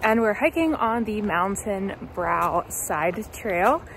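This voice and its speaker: A woman's voice: mid-range voice, expressive, slow. A woman vlogging a road trip, chatting upbeat about trails and plans as she goes. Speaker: travel vlogger. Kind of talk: casual travel vlog narration. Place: outdoors on hiking trails and city streets. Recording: noisy outdoor camera audio.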